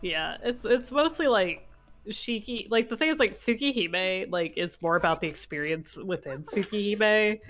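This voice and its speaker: A woman streamer chats casually while gaming, her voice animated and moving a lot in pitch. She rambles, restarts her sentences and swears freely. Faint music plays in the background. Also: moderate pace.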